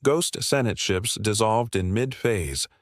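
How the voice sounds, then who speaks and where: A man narrating a scripted sci-fi war story in a steady, dramatic way. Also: fairly low pitch, takes it slowly, no echo, clean studio sound.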